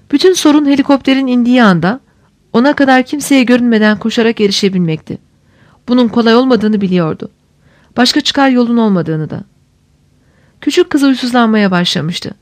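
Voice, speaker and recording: A woman reading a novel aloud in steady, measured audiobook narration. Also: on the high side, no echo.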